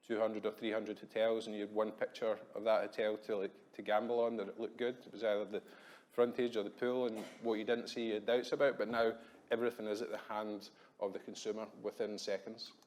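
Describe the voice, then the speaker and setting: Fast-talking Glaswegian man presenting. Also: lowish voice, flat delivery, darkish tone. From Scotland. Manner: quick, chatty, self-deprecating, many ums. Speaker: conference speaker. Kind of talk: business presentation. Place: hotel conference room.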